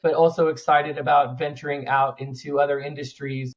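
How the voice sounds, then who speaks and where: A man speaking as a podcast guest, upbeat as he adds to the discussion. His voice sits a bit high, and the sound is dull and lo-fi. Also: flat delivery, a little fast. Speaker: guest, company cofounder. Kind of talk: interview podcast.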